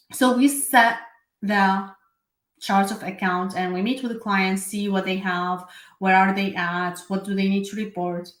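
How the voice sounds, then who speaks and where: Chatty woman from Syria, echoey room. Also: mid-range voice. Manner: chatty, with many fillers and self-corrections. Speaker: bookkeeping and tax host. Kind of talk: casual live explainer.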